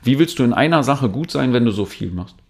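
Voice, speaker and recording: A middle-aged man telling his story in a relaxed interview, chatty and reflective, with small laughs and tag questions. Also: medium pitch, fairly quick, creaky. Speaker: dance trainer, podcast guest.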